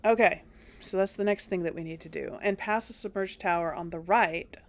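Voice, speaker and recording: In this casual gameplay commentary, a young let's play host talks at normal speed in a voice on the low side. She chats through the video game, thinking aloud and correcting herself along the way.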